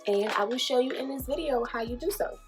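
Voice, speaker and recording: A woman's voice: high voice, a little fast, over music. A woman who runs a small candle business, giving a casual how-to tutorial in a chatty way, calling her viewers y'all, a little out of breath.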